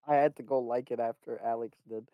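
A man's voice: medium pitch, steady tone, a little fast, dry recording, muffled recording. A young man co-hosting a casual podcast chat, blunt and mocking, tossing in "bro" and "like". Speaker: podcast co-host.

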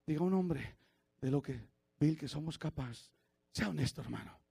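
Gravelly pastor shouting and murmuring by turns. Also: male voice, animated, normal speed, no room sound. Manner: swings from shouted preaching to low confiding asides. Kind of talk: sermon.

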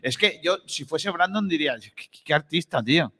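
A man's voice: on the high side, lively intonation, fairly quick, sharp tone, faint music behind. A man with a Spanish accent from Spain hosts casual sports banter, informal and teasing, often repeating himself. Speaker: host of a sports talk show. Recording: reverberant hall-like room.

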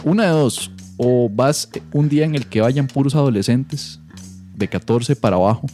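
A man with a Costa Rican accent hosting a podcast, telling stories with swearing and animated, imitated voices. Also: mid-range voice, moderate pace, faint music behind. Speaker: podcast host. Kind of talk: casual chat.

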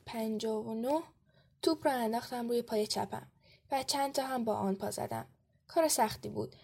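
Woman reader, fairly high voice, steady first-person storytelling for a podcast. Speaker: podcast co-host. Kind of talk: reading a story aloud.

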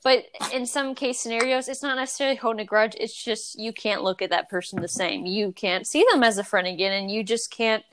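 A young woman talks through a personal story on a casual podcast, circling back with lots of fillers and restarts. Her voice sits a little on the high side. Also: steady tone, a little fast, hardly any pauses, noisy background. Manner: rambling, full of "like" and restarts. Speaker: podcast co-host. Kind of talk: casual chat.

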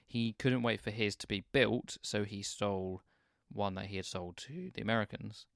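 A man's voice: on the low side, moderate pace, creaky, a bit bright, dry recording, studio quality. A man co-hosting a casual film chat, thoughtful and hesitant, often restarting his sentences. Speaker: film podcast co-host.

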